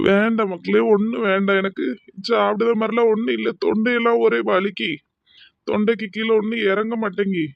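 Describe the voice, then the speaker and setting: A man's voice: sits high, flat delivery, a little fast, gravelly, dry recording, muffled recording. A man voicing a frail, sick old husband who is grieving, speaking. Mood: mournful.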